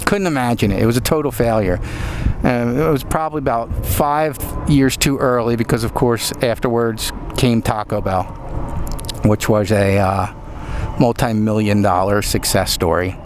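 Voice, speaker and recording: Man, 50s, US East Coast, casual nostalgic storyteller, medium pitch, mic inside a motorcycle helmet with clear engine and road noise. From United States, East Coast. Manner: rambling, nostalgic storyteller with dramatic pauses. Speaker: motovlogger. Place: outdoors, riding a motorcycle.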